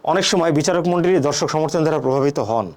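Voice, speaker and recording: A man with a fairly high voice, speaking, gives a debate lesson. He keeps asking his students a question and then answers it himself. His talk is full of "thik ache" and "ah" fillers. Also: lively intonation, fast talker, a little mellow. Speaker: debate teacher. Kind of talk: classroom lecture.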